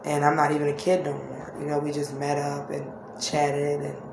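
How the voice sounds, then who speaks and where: A woman vlogger telling personal stories casually to her viewers, candid, halting and reflective. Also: low voice, monotone. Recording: echoey room with faint-to-clear background noise.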